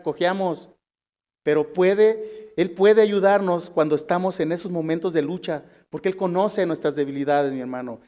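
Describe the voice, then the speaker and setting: A male preacher with a Mexican Spanish accent delivers a sermon and reads scripture aloud. He speaks slowly and deliberately, in a fairly high voice. He keeps calling the congregation his brothers. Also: a little mellow.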